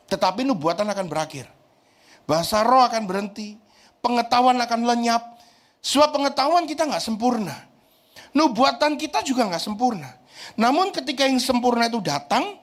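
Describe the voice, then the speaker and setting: A middle-aged man preaching as pastor in a chatty, joking sermon. He keeps asking the congregation "right?" and drops English phrases into his talk. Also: extremely high pitch.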